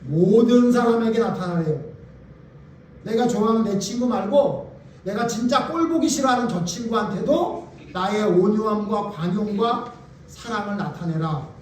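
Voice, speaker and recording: A male pastor delivers an emphatic sermon in a high voice, throwing question after question at his listeners. His voice rings through a very reverberant church hall. It is picked up from a distance, with a faint hum underneath. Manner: emphatic, fires rhetorical questions at the congregation. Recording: very echoey hall, voice from far off.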